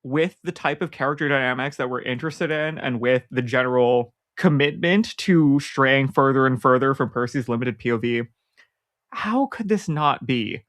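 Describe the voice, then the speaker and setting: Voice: medium pitch, a bit bright, no echo. A podcast co-host in casual chat, talking in a dry, wry and wordy way.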